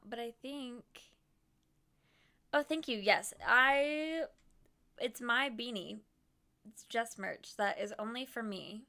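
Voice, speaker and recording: A young woman chats slowly on a home stream, her slightly high voice drifting through fillers and little laughs. She rambles easily, in no hurry to get anywhere. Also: gravelly, pushed and bright. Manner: slow, chatty, giggly, rambling with many fillers. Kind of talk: casual stream chat.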